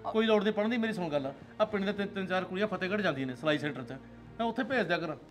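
A man's voice: high voice, lively intonation, racing, faint music behind. A man playing a stern village father. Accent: Punjabi. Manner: gruff, commanding, softens to pleading. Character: stern village father, strict about daughter's honor. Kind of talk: village drama acting.

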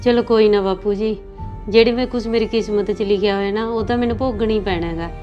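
A meek, put-upon young daughter-in-law, played by a woman, talking quickly in a fairly high, resigned voice. The recording is slightly dull, with faint music underneath. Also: steady tone, lightly acted. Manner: soft, resigned. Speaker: actor. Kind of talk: amateur short-film acting.

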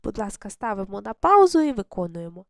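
A woman's voice: mid-range voice, sing-song, a little fast, no echo, studio quality. A woman teaching a recorded lesson to first graders. She asks the class questions, answers them herself, and stretches words out syllable by syllable. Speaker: primary school teacher.

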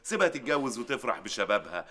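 A sarcastic, exasperated Egyptian boss. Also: male voice, mid-range voice, sing-song, quick pace, bright, forceful tone. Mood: mocking. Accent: Egyptian Arabic. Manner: sarcastic and mocking. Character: exasperated, sarcastic adult man, boss and cousin. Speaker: sitcom character. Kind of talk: TV sitcom acting. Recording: noisy background.

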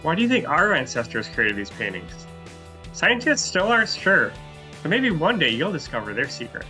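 Man, 30s, art teacher, enthusiastic, crisp and bright, slightly high voice, light guitar music behind. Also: sing-song, normal speed. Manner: upbeat, enthusiastic, talks to children. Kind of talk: online art lesson for young kids. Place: virtual classroom backdrop, indoors.

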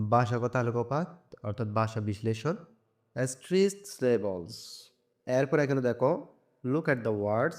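Bangladeshi man, schoolteacher, walks pupils through textbook English at a very slow, careful pace, mid-pitched. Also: darkish tone. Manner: slow, deliberate reading of English lines, then explains in Bengali. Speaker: teacher. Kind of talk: textbook lesson explanation.

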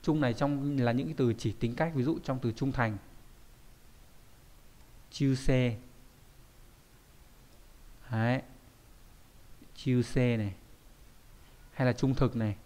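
A man's voice: mid-range voice, fairly even intonation, slow pace, long pauses, warm tone. A man teaching a kanji lesson, explaining patiently and often checking that listeners follow.

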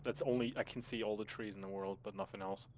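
A man with a raspy voice acting as gunner, giving quick blunt reports to his crew over a headset. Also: fairly low pitch, fairly even intonation, slight background noise. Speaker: vehicle gunner. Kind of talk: gameplay team radio chat.

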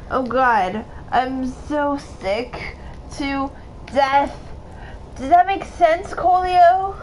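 Woman doing goofy voices for game dialogue, slow, high-ish, little bit of hiss. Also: a little mellow, low-quality recording. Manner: playful, slips into put-on voices and drunk voice. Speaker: let's play co-host reading game dialogue aloud.

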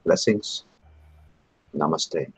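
Very husky, low-pitched man. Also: drawn-out words, no room sound. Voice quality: husky, rough. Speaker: webinar participant giving a blessing. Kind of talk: blessing in unintelligible syllables. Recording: dull, lo-fi online call.

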